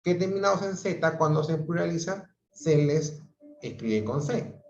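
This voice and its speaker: A man's voice: fairly high pitch, animated, unhurried, darkish tone. A man teaching an online grammar lesson, explaining patiently and often checking in with his students. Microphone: video call audio. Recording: roomy, dull lo-fi video call sound.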